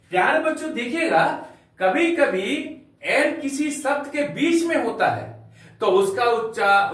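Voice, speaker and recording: Slow, lively-voiced male English teacher. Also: high voice. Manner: slow, spells words letter by letter, calls viewers dear children. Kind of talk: spoken English lesson. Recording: echoey room, voice from far off the mic.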